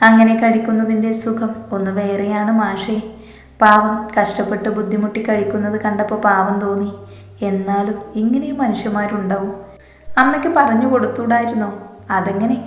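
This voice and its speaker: A woman narrating a first-person romance story in a chatty, humorous way. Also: mid-range voice. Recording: roomy recording with long reverb.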